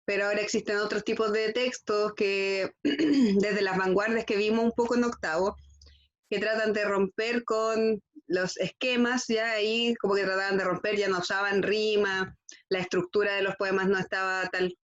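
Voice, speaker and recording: A woman's voice: mid-range voice, steady tone, normal speed, highs cut off. A woman teaching a school lesson, constantly checking in with her students. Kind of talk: classroom lesson.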